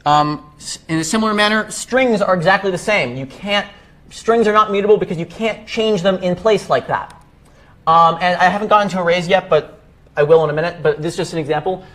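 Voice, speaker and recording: A young man with a high voice leads a casual live coding lesson in a classroom. He talks loosely, stacking fillers and restarting his sentences as he goes. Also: brisk, fairly bright tone. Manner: casual, many fillers and self-corrections. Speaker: workshop instructor.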